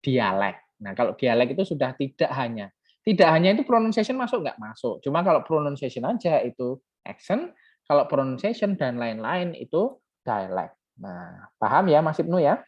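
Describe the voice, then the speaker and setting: Male lecturer, Indonesian accent, mid-pitched, halting code-switching delivery, dull lo-fi recording. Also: very animated. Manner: switches between Indonesian and English, halting restarts, quizzes the class. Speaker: university lecturer. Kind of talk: classroom lecture.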